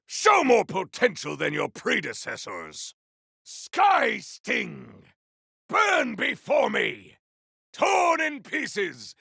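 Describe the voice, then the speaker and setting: An actor voices a bombastic, vengeful warrior hero for video game combat barks, declaiming battle cries in a theatrical, archaic, grandiose style. His male voice is high, pushed and bright yet gravelly and raspy, fully exaggerated, with a wry, taunting mood. The studio sound is clean with no echo.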